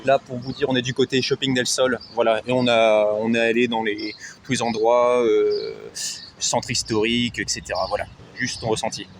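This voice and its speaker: A man's voice: mid-range voice, steady tone, normal speed. A man conducting a casual interview as the host, speaking hesitantly and repeating himself. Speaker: interviewer, YouTuber helping expatriates. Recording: outdoor recording with faint street noise.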